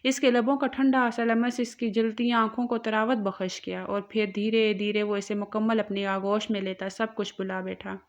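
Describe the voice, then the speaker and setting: A woman narrates a romance novel in a steady, scripted storytelling manner. Her voice sits in a middle pitch, and the recording is slightly dull and lo-fi. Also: few pauses. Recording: muffled lo-fi recording.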